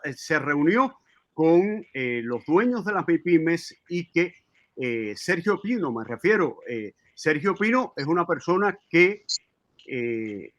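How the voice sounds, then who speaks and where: A man's voice: fairly high pitch, fairly bright tone. A man hosting a debate interview, asking questions in a hesitant way with many filler sounds. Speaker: host.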